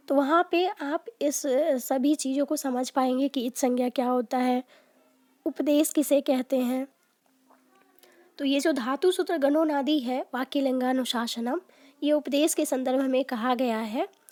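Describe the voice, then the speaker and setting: A woman teaching a lesson on quiz questions, explaining each answer step by step and often checking in with her students. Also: high voice. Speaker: Sanskrit teacher.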